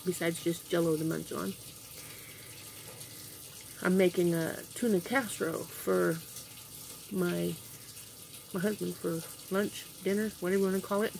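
A woman's voice: on the low side, creaky, a little mellow, a little hiss or hum. An older woman chatting casually as she cooks in her home kitchen, rambling and thinking aloud, sometimes stepping away from the camera mic. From Kansas, USA. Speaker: home cooking vlogger. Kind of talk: casual cooking chat to camera. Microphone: built-in camera mic, moves toward and away. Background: running tap water and kitchen clatter.

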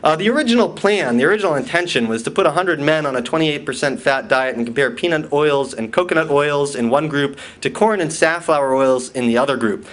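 Guy giving a talk in a lecture hall, bit high voice, dry jokes, lots of uhs. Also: fairly quick, hardly any pauses, fairly bright tone. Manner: dry, wry asides to the audience; asks the audience questions. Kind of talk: conference talk with slides.

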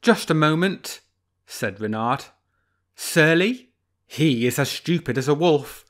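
A man doing a sly, high-voiced fox. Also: animated, slow. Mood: ingratiating. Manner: ingratiating and cheery. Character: sly, smooth-talking male fox, falsely humble.

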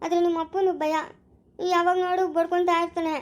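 Field: figure, a woman playing an upset young bride; accent, Chikkaballapura Kannada; pitch, very high; pace, fast. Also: level tone. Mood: complaining. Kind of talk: family home drama skit.

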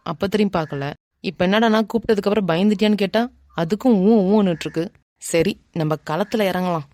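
A woman's voice: medium pitch, no room sound, studio quality, natural voice. A woman voicing a brash young cartoon man. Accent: Kanyakumari Tamil. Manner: mutters to himself, scolds then turns gentle. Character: brash young man, bossy but softhearted. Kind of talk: animated cartoon dialogue.

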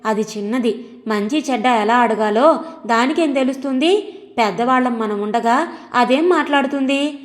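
A woman's voice: a little high, normal speed, close to an everyday voice. A woman voicing an anxious middle-aged wife who pleads and coaxes her husband, recorded with long reverb. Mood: pleading.

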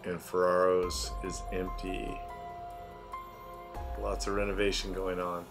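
A man's voice: low-pitched, monotone, slow pace. A middle-aged man giving a casual travel voice-over as a vlogger showing people around. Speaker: vlogger and tour narrator. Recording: music behind the voice. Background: guitar music.

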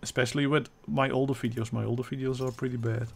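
Streaming a game live, a Dutch man talks fast in a flat, gravelly, mid-range voice with a breathy edge. He's chatty with viewers and teammates, reads the chat out loud, and laughs a lot, his Dutch accent clear.

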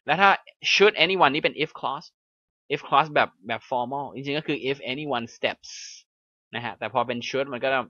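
A Thai-accented young man reads English passages aloud slowly and then explains them briskly in Thai. His tone is bright and forceful. The recording is dry and slightly dull. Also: mid-range voice, dry recording. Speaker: English teacher. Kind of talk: explaining a reading lesson.

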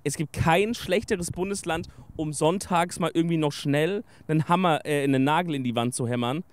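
A man's voice: a little high, moderate pace. A young man hosting a podcast and chatting casually in youthful slang. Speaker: podcast host, streamer. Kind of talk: casual chat.

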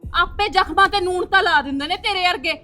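A woman playing a sharp-tongued, proud young wife who talks in a scolding, indignant way. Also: very high-pitched, fairly quick, faint music behind. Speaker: daughter-in-law.

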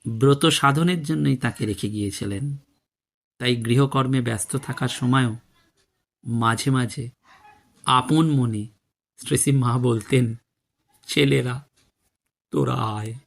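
Slow, gravelly Bengali man giving devotional talk. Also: mid-range voice, a bit bright. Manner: slow, measured, devout storytelling with quoted dialogue. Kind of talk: reflective spiritual talk.

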